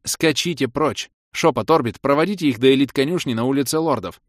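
A man performs a harsh, authoritative noblewoman, hissing and snapping out her lines at a fairly quick pace. The studio-clean audio has no room sound, and his mid-range voice is raised above his own pitch while staying near an everyday register.

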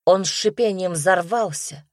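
A woman reading a first-person fantasy audiobook in a steady, expressive way. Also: lowish voice, a little slow, no echo, studio quality. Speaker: audiobook narrator.

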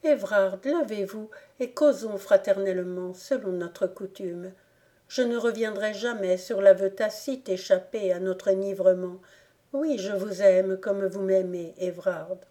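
A woman reading the lines of a grave, dignified young woman, earnest and measured. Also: mid-range voice, dark tone, lightly acted. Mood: tender. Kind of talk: audiobook character reading.

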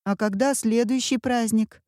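High whiny kid voice from a woman reader, demanding, storybook. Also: fairly even intonation, measured pace, mellow, no room sound, studio quality, close to an everyday voice. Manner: whining, demanding. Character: whiny impatient little schoolboy.

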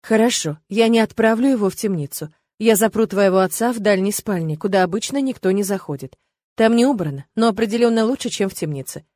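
A woman reading the part of a young noble husband in an audiobook, patient and reproachful, talking firmly but tenderly. The voice sits at middle pitch in a dry, close recording. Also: fast, darkish tone, no room sound, close to an everyday voice. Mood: firm coaxing.

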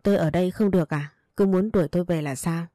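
A woman reads out a steady, reassuring young man in a spoken story. The voice sits low and mellow, dry and close. He talks calmly and holds his ground. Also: fast, no echo, lightly acted. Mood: stubborn. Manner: calm, reassuring, a bit stubborn.

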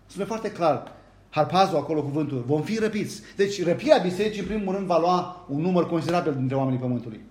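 A man preaching a sermon, reading scripture aloud and often turning to the congregation with a quick rhetorical question. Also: a little high, lively intonation, a little mellow, echoey room. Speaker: pastor. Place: church hall.

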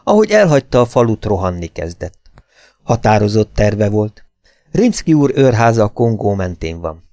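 Guy reading an audiobook, low voice, dry close sound, really lively delivery. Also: dry recording. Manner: lively, expressive reading with sudden pitch jumps. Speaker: audiobook reader. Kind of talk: scripted audiobook narration.

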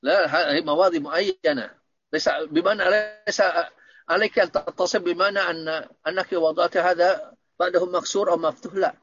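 Guy teaching grammar online, high voice, muffled audio, keeps asking if it's clear. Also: steady tone, a little fast, fairly bright tone. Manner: patient, repeats and checks understanding. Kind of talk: online grammar lesson with questions.

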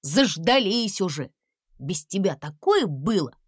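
A woman's voice: on the low side, big pitch swings, measured pace, breathy edge, no room sound, clean studio sound, heavily acted. A woman voicing a grumpy, practical talking cat who grumbles and gives orders. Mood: grumbling. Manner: grumbling, commanding.

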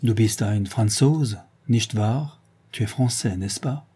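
A shy, awestruck little girl of eight or nine speaks in a storybook reading, as a man gives her voice. Her words come out soft and marvelling. The tone is warm and a little husky. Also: on the low side, takes it slowly, exaggerated voice. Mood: curious.

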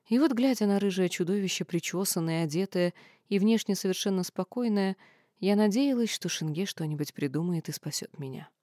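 A woman's voice: mid-range voice, brisk, dry recording, studio quality. Woman narrating a wry audiobook. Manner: wry, expressive reading. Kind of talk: first-person audiobook narration.

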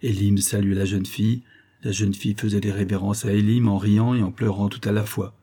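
Reading from a classic novel, this male narrator has a deep, dark voice with some huskiness. His storytelling pace is even and deliberate throughout.

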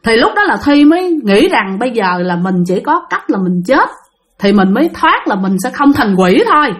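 A woman's voice: fairly high pitch, very animated, moderate pace. A woman telling a spooky first-person story to her listeners, exclaiming often and calling herself by name. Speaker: storyteller of spiritual experiences.

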